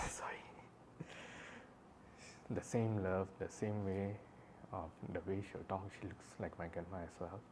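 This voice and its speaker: A young man with a slightly low voice speaks in a halting, rambling way. He restarts often, fills his pauses and sounds emotional and apologetic. A faint background hum sits under his voice. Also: fairly even intonation. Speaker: vlogger. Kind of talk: personal storytelling monologue.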